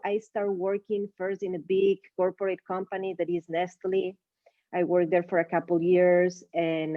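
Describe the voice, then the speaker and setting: A woman's voice: medium pitch, dry recording, phone-quality sound. A middle-aged woman from Ecuador, a native Spanish speaker, telling her career story as an interview guest in an easygoing way with some non-native grammar. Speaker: guest, marketing business owner.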